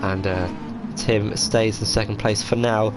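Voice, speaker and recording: A man's voice: fairly low pitch, fairly even intonation, a little slow, background noise. A man giving live motorsport commentary on a sim race, hesitant and full of fillers as he follows each move.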